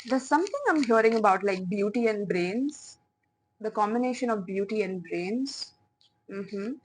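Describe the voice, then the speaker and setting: In an animated, medium-pitched voice at normal speed, a tarot reader runs a pick-a-card session, calling her viewers piles. She's chatty and playful with frequent fillers and soft laughs, and the low-quality audio carries a little hiss or hum.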